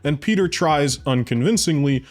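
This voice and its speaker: A man's voice: on the high side, lively intonation, normal speed. A man giving casual commentary as a video reviewer, talking in a chatty way with offhand asides. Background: faint background music.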